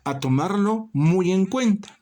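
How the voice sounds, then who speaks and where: A language teacher giving a recorded lesson, speaking deliberately, repeating key terms and calling the listeners brothers and colleagues. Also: mid-range voice, lively intonation, warm tone.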